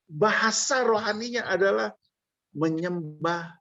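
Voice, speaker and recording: A man's voice: sits high, slow pace, sharp tone, muffled recording. A man preaching a sermon in a conversational way, with jokey asides to the congregation.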